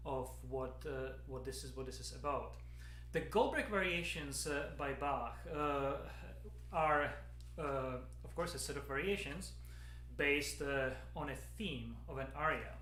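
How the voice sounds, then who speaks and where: A man, a piano professor giving a casual spoken introduction to a piece, talking haltingly with many fillers and repeated words over a webcam in his studio. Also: mid-range voice, fairly bright tone, reverberant, a little hiss or hum. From Czech Republic. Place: piano studio at a university, indoors. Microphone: webcam at desk, video call.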